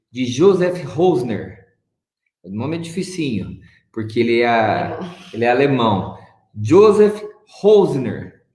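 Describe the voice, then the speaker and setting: A man's voice: mid-range voice, a little mellow, echoey room. A man as guest speaker in an online spiritist talk, chatty and self-mocking.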